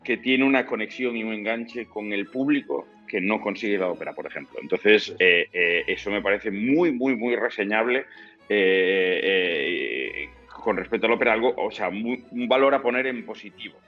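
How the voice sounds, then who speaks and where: A low-voiced opera and zarzuela baritone from Spain speaks as a guest in an interview, explaining things thoughtfully and pausing to find the right words. The audio is muffled, dull, and lo-fi, with faint music behind him.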